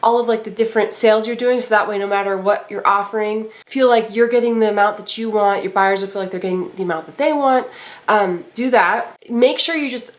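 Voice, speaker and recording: A woman's voice: mid-range voice, brisk. A woman, possibly in her thirties, chatting casually to camera with a congested, nasal voice from a cold, rambling with lots of fillers. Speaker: vlogger and eBay reseller.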